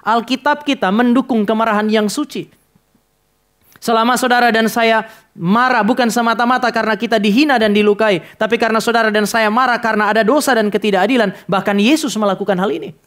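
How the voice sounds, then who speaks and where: Guy pastor giving a sermon in church, kinda high voice, talks right to the congregation. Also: fairly even intonation, fast talker, a bit bright. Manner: addresses congregation directly, tells stories with acted dialogue.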